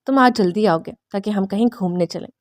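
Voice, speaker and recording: A woman's voice: mid-range voice, no room sound, close to an everyday voice. Woman reading as an indignant young wife. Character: young wife, emotional and quick-tempered.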